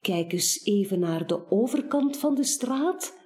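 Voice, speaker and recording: A woman reading a children's story aloud, expressive and speaking to the listener. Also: mid-range voice, a little slow.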